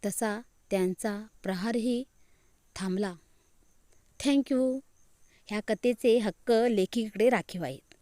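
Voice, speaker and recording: Woman reading a dramatic story, slow, warm dark tone, dry close sound. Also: medium pitch, dry recording. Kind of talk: scripted audio story narration.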